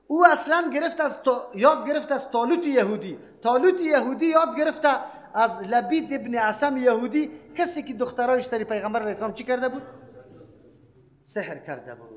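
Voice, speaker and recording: An Afghan Dari-accented man teaches Quran commentary in a very high-pitched voice, pressing his listeners with rhetorical questions. His lecture echoes with a long hall reverb around him. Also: fairly bright tone. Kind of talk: sermon-style Quran lesson.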